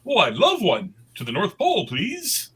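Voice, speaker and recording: A man voicing a cheerful, naive snowman who has come to life, with a raspy voice and innocent, exclaiming delivery, in a live cartoon script reading. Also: high voice, wildly swooping pitch, normal speed, fairly bright tone, heavily acted. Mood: innocently curious. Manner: wide-eyed, exclaiming, innocent.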